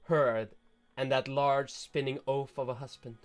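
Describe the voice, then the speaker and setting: A man reading the lines of a proud, tragic snake-woman noble aloud in a measured, solemn way. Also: medium pitch, level tone, voice pushed down, natural voice. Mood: wistful. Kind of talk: reading game dialogue aloud.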